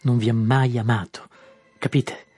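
A man reading an audiobook, voicing a proud, lovesick young man who speaks softly and insistently with a husky, breathy voice. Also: on the low side, steady tone, moderate pace, faint music behind. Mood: intense.

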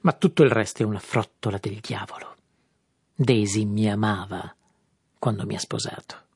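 A man reads out a blustering husband, sarcastic and moralizing. The voice is gravelly and husky, raised in indignation. It sounds close and dry. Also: fairly low pitch, steady tone, moderate pace, a little mellow, dry recording. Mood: indignant. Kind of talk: audiobook reading.

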